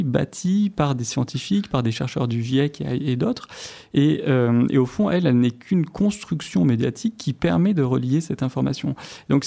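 Gravelly-voiced man, hesitant radio guest. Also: mid-range voice, dark tone. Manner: hesitant, many fillers and restarts. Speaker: guest researcher. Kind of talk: radio interview answers. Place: radio studio.

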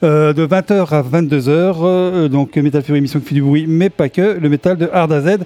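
A man hosting a casual metal radio show in a studio, relaxed and chatty with frequent hesitations. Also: fairly high pitch, brisk.

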